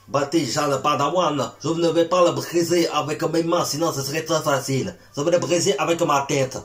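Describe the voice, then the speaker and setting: A man's voice: fairly high pitch, fairly bright tone, lightly acted. A man playing a boastful self-styled martial arts master in a comedy sketch, with a put-on Québécois French accent and a worn-out voice. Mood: mock-solemn. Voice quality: swaggering, insulting, mock-solemn.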